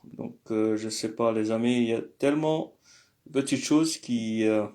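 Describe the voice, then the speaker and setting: A man teaching a language lesson in a hesitant way, with many fillers and slow, careful pronunciation drills. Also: medium pitch, warm tone.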